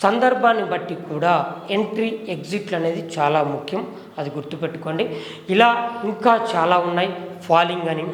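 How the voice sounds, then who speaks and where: A man teaching an acting class, explaining his points through hands-on examples. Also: high-pitched. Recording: echoey room with long reverb.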